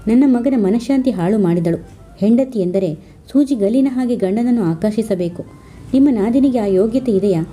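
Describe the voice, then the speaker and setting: A bitter, taunting mother-in-law, read by a woman narrator in a family storybook. The voice is deep-toned and very mellow, and it is husky. She speaks harshly and with resentment. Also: moderate pace, soft background music.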